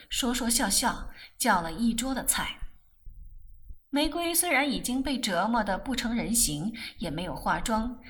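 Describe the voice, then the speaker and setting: A woman narrating an audiobook novel in an expressive storytelling voice. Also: on the high side.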